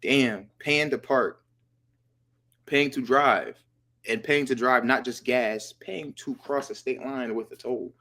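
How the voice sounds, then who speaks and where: A man hosting a casual podcast chat, talking in slangy, animated bursts and sometimes dropping to a whisper for effect. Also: medium pitch, takes it slowly. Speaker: podcast host.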